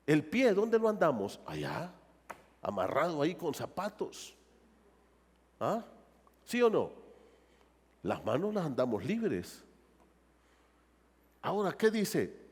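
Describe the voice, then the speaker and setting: A male pastor delivers a sermon with lively, swinging intonation, often tossing rhetorical questions to his congregation. His voice sits a little high for a man. The sound carries the long reverb of a church sanctuary. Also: takes it slowly, pauses often, husky.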